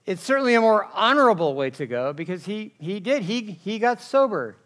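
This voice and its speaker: A man preaching a sermon from a church pulpit, his voice pitched high and bright. He drops to a low murmur, then flares into loud, forceful shouting. He talks straight to the room and keeps checking in with them. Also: very animated, fairly quick. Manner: swings from hushed and low to loud, shouting intensity; conversational, asks the crowd "right?" often. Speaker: pastor. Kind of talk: impassioned sermon.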